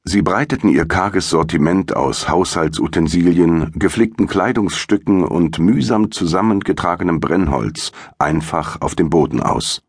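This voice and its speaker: A man narrating a first-person mystery audiobook in a measured, dramatic storytelling manner. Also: low voice, husky, dry recording, studio quality.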